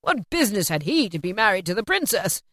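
A woman's voice: medium pitch, expressive, moderate pace, dry recording, natural voice. An old miser played by a woman from a storybook, full of tearful nostalgia. He exclaims and stammers in an emotional voice, somewhere between laughing and crying, recorded close and dry. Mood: ecstatic.

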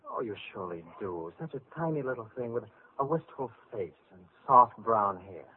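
An actor playing an earnest young gentleman suitor in a vintage radio play, polite and hesitant. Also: lowish voice, animated, normal speed, crowd noise, lightly acted. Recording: tinny noisy old radio broadcast.

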